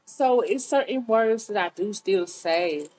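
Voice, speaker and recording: A woman's voice: mid-range voice, expressive, measured pace, a little mellow, low-quality recording. Southern lady from mississippi, podcast guest, chatty and giggly. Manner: laughs often, playful and chatty. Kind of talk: casual chat.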